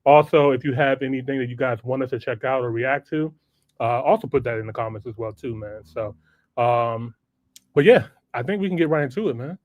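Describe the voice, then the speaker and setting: A man's voice: medium pitch, brisk, a little mellow, dry recording. A man hosting a live online talk show, chatting loosely with slang and frequent laughs. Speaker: podcast host. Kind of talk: casual live-stream chat.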